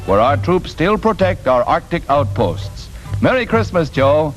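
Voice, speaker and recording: A man delivers 1940s newsreel narration in a brisk, upbeat announcer manner. His voice sits a little high and swings widely in pitch. Loud music runs under the old newsreel soundtrack. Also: sing-song.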